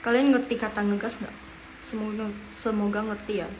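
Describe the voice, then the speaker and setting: A woman's voice: medium pitch, flat delivery, brisk, reverberant, a little hiss or hum, low-quality recording. A young woman from Medan with a Medan accent, teaching a casual online Mandarin lesson, encouraging and drilling tones aloud. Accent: Medan Indonesian. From Medan, Indonesia. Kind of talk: live online language lesson.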